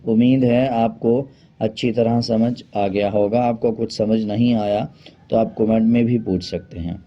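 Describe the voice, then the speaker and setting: A man teaching a Quran reading lesson, switching between brisk explanations and slow, drawn-out spelling of letters. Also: lowish voice, steady tone. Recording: dull lo-fi sound.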